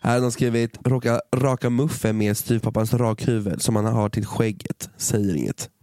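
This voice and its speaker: A man's voice: medium pitch, warm tone, no echo. A man co-hosting a podcast in casual chat, reading out listener confessions and reacting with short, teasing remarks.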